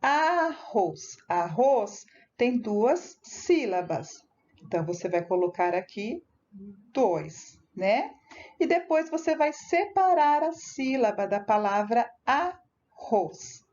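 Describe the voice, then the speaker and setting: A woman's voice: on the high side, mellow, muffled recording. A Brazilian woman teacher with a Brazilian Portuguese accent, patiently walking a young pupil through worksheets in a recorded remote lesson. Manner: slow, patient, addresses a child directly with tag questions. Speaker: primary school teacher.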